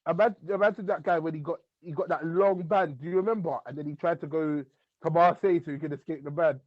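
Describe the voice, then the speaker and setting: A man's voice: a little high, fast talker, no room sound. A man hosting a podcast, chatting casually in slang and acting out quotes. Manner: animated, slangy, acts out quotes. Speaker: podcast host. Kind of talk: casual chat. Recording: muffled dry podcast audio.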